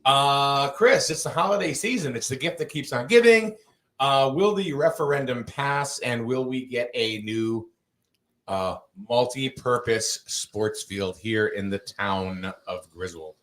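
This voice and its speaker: A man hosting a casual talk show, animated and laughing often, with plenty of ums. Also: medium pitch, measured pace. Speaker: show host. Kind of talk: casual radio-style chat.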